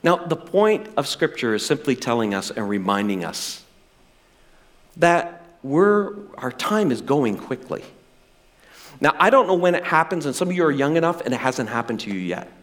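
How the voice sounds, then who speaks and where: A middle-aged male pastor preaching a sermon with animated, self-deprecating humor. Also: medium pitch, moderate pace.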